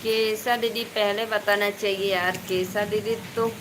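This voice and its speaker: A woman from eastern Uttar Pradesh with an Awadhi-tinged Hindi accent, hosting a casual live stream, chatting with viewers by name and speaking loudly over rain. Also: mid-range voice, little pitch movement, measured pace. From eastern Uttar Pradesh, India. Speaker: live stream host and folk singer. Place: indoors at home during heavy rain. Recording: faint background noise of rain.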